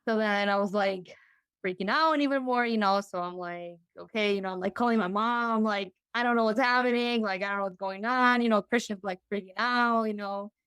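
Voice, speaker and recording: Young woman, chatty guest storyteller; smooth voice, dry close recording. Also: medium pitch, brisk, fairly bright tone, dry recording. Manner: chatty, full of "you know" and "like", acting out quoted voices. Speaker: interview guest. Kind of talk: casual storytelling.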